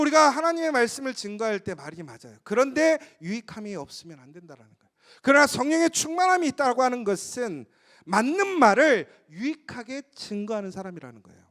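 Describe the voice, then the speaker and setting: A male pastor preaching a sermon, emphatic and storytelling, who often turns to the congregation with rhetorical questions. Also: very high voice. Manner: lively, storytelling delivery with occasional laughs.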